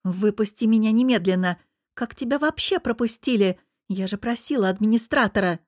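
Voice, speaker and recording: A woman's voice: medium pitch, expressive, moderate pace, a little mellow, no room sound, studio quality, lightly acted. A woman reading the lines of a hurt, defiant young wife who answers sharply and mockingly.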